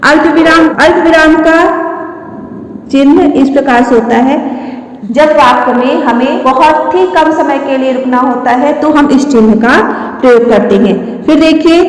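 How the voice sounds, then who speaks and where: A woman teacher giving a slow, explanatory grammar lesson and repeating the key terms. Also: high voice. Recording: echoey room with long reverb.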